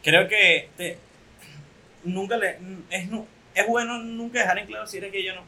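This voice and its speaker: A man's voice: sits high, steady tone, normal speed, bright, forceful tone, rough recording. A young man with a Venezuelan accent hosting a casual podcast interview, chatty and teasing. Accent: Venezuelan Spanish. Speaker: podcast host.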